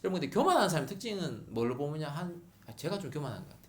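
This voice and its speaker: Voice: mid-range voice, big pitch swings, rapid-fire, a little hiss or hum. A middle-aged pastor preaching a sermon at a Friday prayer meeting, repeating key words for emphasis.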